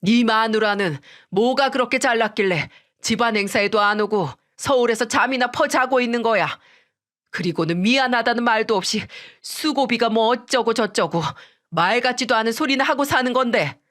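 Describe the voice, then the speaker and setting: A woman voicing a furious older father-in-law who shouts and scolds, in a radio-style story reading. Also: on the high side, moderate pace, pitched above the performer's own voice, lightly acted.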